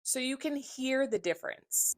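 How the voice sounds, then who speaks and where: A woman's voice: high-pitched, animated, a little slow, no echo. A young adult woman talking candidly and bluntly in a casual personal vlog, swearing freely. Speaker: vlogger.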